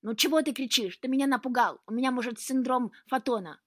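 A woman's voice: sits high, quick pace, no echo, clean studio sound, voice pushed up. Woman doing a whiny, grumbling tomcat. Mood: startled, grumbling. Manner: whiny, easily startled, complaining. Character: fussy, grumbling male house cat.

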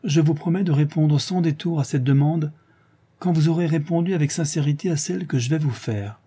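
A man's voice: a little high, a little fast, dark tone, husky, voice pushed up. A man reading an audiobook, voicing a dignified, earnest young suitor with a grave delivery.

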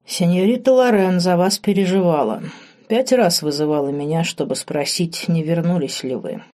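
A woman's voice: fairly low pitch, moderate pace, dark tone, close to an everyday voice. A woman reading the part of a polite, discreet male butler in an audiobook. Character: loyal respectful old-fashioned male butler.

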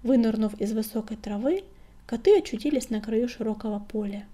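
Woman, audiobook narrator, whispered storytelling, breathy, mellow tone. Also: on the high side, brisk. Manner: soft, hushed narration.

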